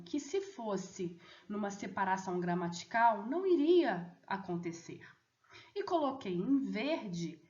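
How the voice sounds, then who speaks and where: A woman teacher explaining a lesson deliberately, often checking in with students. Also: on the high side, darkish tone. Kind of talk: recorded online lesson. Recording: echoey, dull lo-fi room audio.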